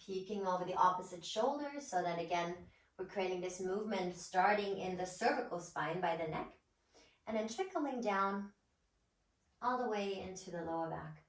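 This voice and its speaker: A woman guiding a yoga class as instructor, with a gentle, nurturing and encouraging manner. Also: lowish voice. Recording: roomy echo, distant microphone.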